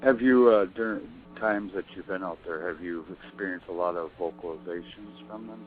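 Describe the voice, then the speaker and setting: A man co-hosting an interview, rambling and halting, restarting his questions often. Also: deep voice. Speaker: co-host. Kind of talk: casual interview. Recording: tinny phone line with faint music.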